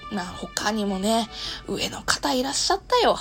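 A woman with a Kansai accent and a hoarse, worn-out voice, chatting casually to listeners as a show host and often laughing. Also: a little high, big pitch swings, moderate pace, fairly bright tone, faint music behind. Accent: Kansai Japanese. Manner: laughs often while talking. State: hoarse, worn voice after long streaming. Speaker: host of an audio talk show and live streamer. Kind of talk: casual solo talk to listeners.

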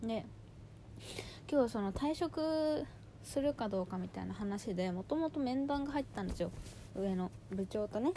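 A young woman with a fairly high voice talks as if to friends in a slangy gyaru, valley-girl manner. She vents in an animated, exasperated way, hosting her own casual audio diary. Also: moderate pace, slight background noise. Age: 20s. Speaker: host of a personal audio diary. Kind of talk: casual chat, venting monologue.

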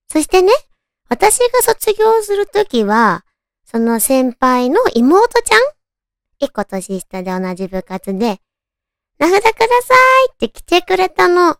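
A woman with a high, cute anime-girl voice hosts a casual solo radio chat. Her delivery is cutesy and very lively in pitch, often turning softly to listeners with questions. The sound is close and dry. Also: no echo. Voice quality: cute, high, girlish anime-style natural voice. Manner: cutesy, animated, addressing listeners with soft questions. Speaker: radio show host.

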